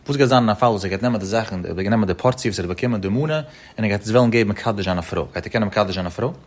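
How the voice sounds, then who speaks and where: A man giving a Talmud study lecture in a sing-song study-hall intonation, rising and dropping in pitch as he works through the text. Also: rapid-fire. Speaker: Talmud teacher.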